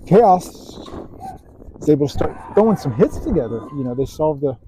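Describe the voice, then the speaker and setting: Upbeat male play-by-play voice, fairly high, casual sideline commentary, noisy outdoor field. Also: very animated, normal speed, dark tone. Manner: upbeat, calls plays then chats casually with fillers. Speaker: play-by-play announcer. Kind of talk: youth softball play-by-play commentary. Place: outdoor youth softball game.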